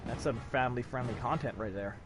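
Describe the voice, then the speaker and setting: A man's voice: mid-range voice, fast, music in the background. A man casually commenting on his gameplay, joking and mocking himself as he plays. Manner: joking, animated, self-mocking. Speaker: gameplay streamer.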